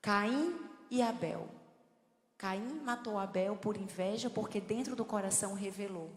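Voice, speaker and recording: A woman's voice: mid-range voice, a little slow. A middle-aged woman from Northeast Brazil, preaching a sermon with humor and storytelling. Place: church hall. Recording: echoey church hall.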